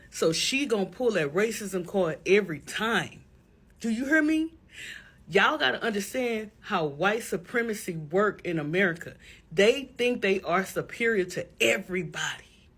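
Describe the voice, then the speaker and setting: A woman's voice: medium pitch, fairly bright tone, slightly rough. A woman commenting in a casual reaction video, emphatic and preachy, calling viewers baby.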